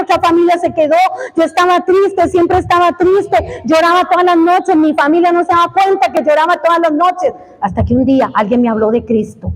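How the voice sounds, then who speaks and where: High-voiced woman preaching in a hall. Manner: emphatic, repeats phrases, acts out stories. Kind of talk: sermon.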